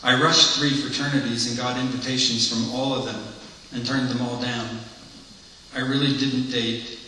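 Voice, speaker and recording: A man's voice: medium pitch, sharp tone, slight background noise, close to an everyday voice. A man reading the part of an earnest blind man confiding his past to a priest, in a candid, reflective monologue, heard in an echoey hall from far off.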